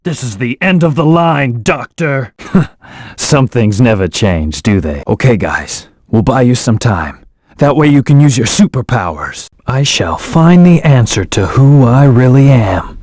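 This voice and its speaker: A man's voice: medium pitch, big pitch swings, unhurried, a little mellow, no room sound, clean studio sound. An actor playing a brooding young male hedgehog, a cool, proud antihero who speaks in terse, self-assured commands. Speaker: video game character. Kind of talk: studio game voice acting.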